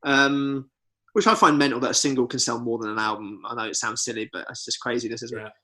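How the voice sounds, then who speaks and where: A man's voice: medium pitch, quick pace, sharp tone. A man co-hosting a comedy podcast, teasing his friend and reeling off chart facts with wry asides. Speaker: podcast co-host. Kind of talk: casual comedy podcast chat.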